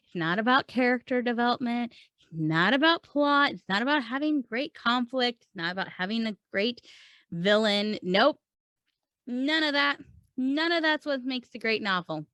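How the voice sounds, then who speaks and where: A woman hosts a conversational instructional podcast for writers, coaching them emphatically and rhetorically and putting questions and points straight to the listener. Her voice is medium-pitched with a fairly bright tone, and the recording is dry.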